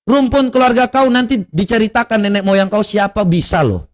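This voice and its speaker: A man with a high voice speaks at a normal speed in a confrontational social media rant, full of taunts, rhetorical questions and mocking laughter. He is an online religious commentator from Kupang, East Nusa Tenggara, in eastern Indonesia.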